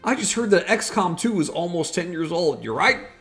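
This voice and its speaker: A man's voice: sits high, moderate pace, soft background music. A man hosting a gaming video with casual, chatty live commentary.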